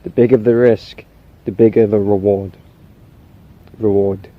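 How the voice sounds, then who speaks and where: A man playing an unhinged, socially awkward killer confessing to camera in halting, rambling speech, with trouble pronouncing his R's. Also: fairly low pitch, level tone, phone-quality sound, close to an everyday voice. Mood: halting, musing. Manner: halting, rambling, stammering, with odd chuckles.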